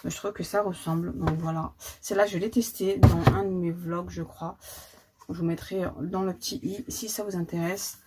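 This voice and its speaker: A woman's voice: lowish voice, steady tone, moderate pace. A woman, casually showing her makeup collection in a vlog, chatty and full of fillers and repeated words. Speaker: beauty vlogger. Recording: noticeable background noise.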